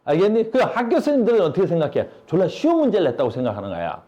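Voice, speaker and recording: A man's voice: sits high, huge pitch swings, very fast, warm tone, lo-fi sound. A male science teacher giving a classroom lecture, blunt and slangy, asking his students questions all the time.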